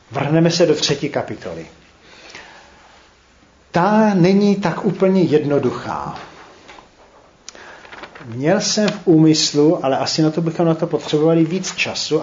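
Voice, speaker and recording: A man with a somewhat high voice leads a small group Bible study, reflecting aloud and stopping to question his listeners. His voice carries around a roomy space. The recording is a little dull, with faint clicks. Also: a little mellow, a little hiss or hum.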